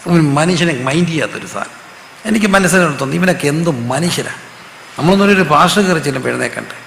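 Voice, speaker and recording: A man's voice: a little high, animated, fast, creaky, fairly bright tone. A man preaching a sermon with a Malayali accent, asking his congregation questions and repeating key phrases back to them. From Kerala, India. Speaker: pastor. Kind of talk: sermon with call and response. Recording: echoey hall with faint background noise.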